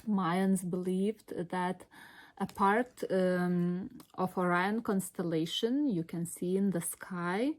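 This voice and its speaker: A woman from Lithuania with a Lithuanian accent, talking unscripted to viewers as a vlog host, hesitant and often pausing to search for words. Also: fairly low pitch. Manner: hesitant, halting, with long searching pauses. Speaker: video host. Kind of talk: unscripted explanatory vlog talk.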